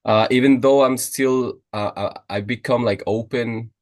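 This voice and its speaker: A man's voice: mid-range voice, unhurried. A young man, a podcast guest in casual chat, restarting often and using many fillers. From Costa Rica. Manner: restarting, filler-heavy, lively.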